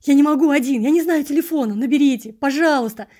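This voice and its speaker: A woman voicing a frantic young man shouting for help. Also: high-pitched, fast talker, pitched above the performer's own voice, lightly acted. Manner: loud, frantic pleading. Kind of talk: audiobook reading.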